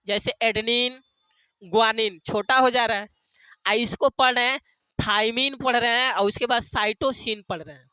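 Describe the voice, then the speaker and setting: Slow, bright-voiced male teacher. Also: extremely high pitch, clean tone, dry recording. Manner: asks questions and answers them himself, repeats key terms; uses jokey memory tricks. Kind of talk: classroom lecture with call-and-response questions.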